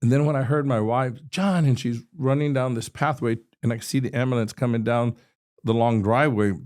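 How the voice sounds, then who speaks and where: A man's voice: medium pitch, fairly even intonation, brisk, a little mellow. A man in his sixties from Texas, a state representative telling a personal story as a podcast guest, earnest and vivid, often restarting his sentences.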